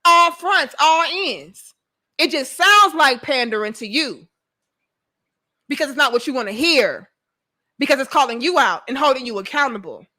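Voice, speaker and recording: Young woman, St. Louis accent, high pitch, bright forceful tone, emphatic, opinionated, informal livestream commentary. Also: lively intonation, normal speed, long pauses. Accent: St. Louis, Missouri. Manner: blunt, emphatic, repeats phrases, swears freely. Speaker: livestream host giving relationship commentary.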